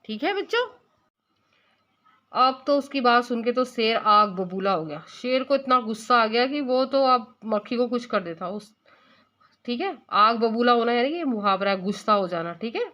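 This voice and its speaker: A woman's voice: fairly high pitch, lively intonation, moderate pace, sharp tone. A woman teacher explaining a story chapter to young children. She asks them questions and explains words as she goes. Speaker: school teacher.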